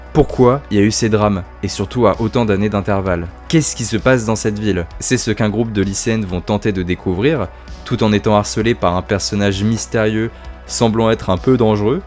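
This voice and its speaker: A man's voice: on the low side, darkish tone. A man hosting his own video review, talking casually about horror series with swearing, self-mocking asides and enthusiasm.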